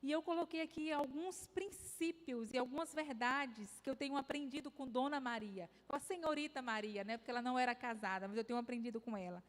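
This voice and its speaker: Woman, Brazilian Portuguese accent, high voice, devotional conference talk, chatty and anecdotal, long hall echo. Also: fairly quick, hardly any pauses. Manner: conversational and anecdotal, with gentle self-deprecating humor. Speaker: conference speaker. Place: church hall.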